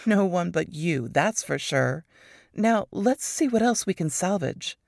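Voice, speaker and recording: A woman's voice: on the low side, expressive, measured pace, creaky, darkish tone, dry recording, studio quality, full character voice. A woman reading a wartime story voices a shaken but stubborn young woman who has just survived a bombing. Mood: wry.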